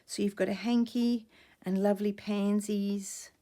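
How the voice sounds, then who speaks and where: A woman chatting casually in a soft, mellow voice that is a little croaky. She rambles gently through a show-and-tell and often sinks to a near-whisper. She is recorded on a desk camera in a small home room. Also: mid-range voice, fairly even intonation, a little slow. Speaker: vlogger showing vintage finds. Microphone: camera or tablet on a desk.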